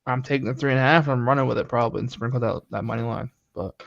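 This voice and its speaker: A man's voice: mid-range voice, fairly even intonation, very fast, gravelly, fairly bright tone. A young man co-hosting a sports betting show who pushes back with sarcastic, combative jabs and interrupts often. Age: young adult. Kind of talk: casual sports debate. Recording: dull lo-fi mic.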